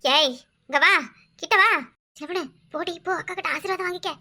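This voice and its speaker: Brief: woman voicing a quick-tempered village woman for a cartoon, Kanyakumari Tamil accent, very high and bright. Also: full character voice. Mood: possessed, commanding. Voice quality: shrill, scolding.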